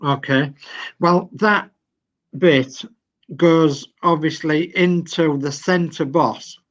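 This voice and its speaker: A man's voice: on the high side, steady tone, fairly bright tone, lo-fi sound. An older man with a Yorkshire accent, patiently talking through model-building steps and reading instructions aloud on a video call. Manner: slow, patient, reads instructions aloud step by step.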